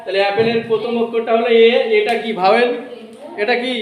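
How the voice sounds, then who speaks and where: A man teaches grammar to a class, firing questions and echoing back the answers. His voice sits high, and the classroom around him rings with strong echo. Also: fairly even intonation, fast talker. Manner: asks questions and repeats answers. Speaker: English teacher. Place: coaching classroom. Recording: very echoey classroom.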